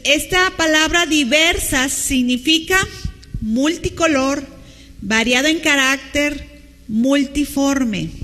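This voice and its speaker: A woman's voice: high-pitched, bright, forceful tone, big-room sound. A woman pastor with a Mexican Spanish accent, preaching a teacherly sermon and asking the congregation questions. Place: church hall with long reverb.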